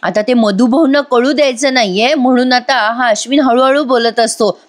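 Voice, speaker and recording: A woman's voice: on the high side, moderate pace. A young woman with a Marathi accent chattily retelling a TV serial episode, talking directly to viewers. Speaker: serial review narrator.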